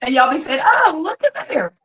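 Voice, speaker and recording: A woman's voice: high voice, big pitch swings, unhurried, a bit bright. A woman, hosting a casual chat and telling stories chattily. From US Gulf Coast. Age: 50s. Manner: chatty storyteller, acts out quoted voices. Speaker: host.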